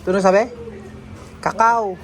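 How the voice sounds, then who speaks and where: A Filipino man hosting a casual food vlog, chatty and quick to laugh, asking lots of questions. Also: high-pitched, fairly even intonation, faint music behind. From Philippines. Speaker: vlogger host. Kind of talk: casual chat while eating. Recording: crowd noise behind.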